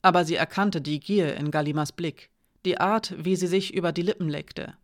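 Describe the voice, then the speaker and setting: An audiobook narrator reading a fantasy novel in an even, measured storytelling voice. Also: medium pitch.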